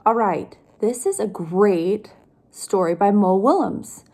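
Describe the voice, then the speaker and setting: A woman teacher reads a picture book aloud to young listeners, stopping now and then for simple explanations and questions. Her mid-range voice is animated and warm.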